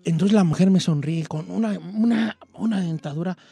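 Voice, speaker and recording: A man's voice: high-pitched, normal speed, creaky, dark tone, husky, no room sound, exaggerated voice. A man voicing an old Mexican rancher with a Mexican accent, hosting a radio show and telling a rambling, self-mocking comic story. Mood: folksy storytelling.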